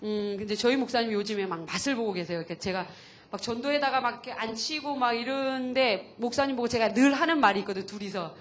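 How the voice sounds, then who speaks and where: A woman's voice: fairly high pitch, fast talker. A woman, a pastor's wife, giving an earnest, chatty testimony at a church camp, full of fillers.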